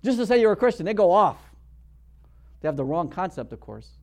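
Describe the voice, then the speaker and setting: His voice sits high as this pastor preaches, brisk and very animated. He performs the quotes, shifts from hushed storytelling to loud outbursts, and frequently restarts by repeating words.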